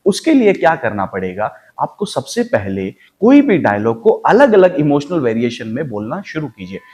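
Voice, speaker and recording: A man with an Indian accent, a slightly high, somewhat mellow voice, and big pitch swings speaks at normal speed. As an acting coach instructing viewers in voice techniques, he's emphatic, leaning on repeated, parallel phrases.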